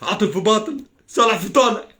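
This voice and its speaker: A man's voice: high voice, expressive, fast, sharp tone, a little hiss or hum. A young Egyptian man ranting on a live stream, furious, cursing and pleading with his viewers. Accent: Egyptian Arabic. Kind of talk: angry political livestream rant.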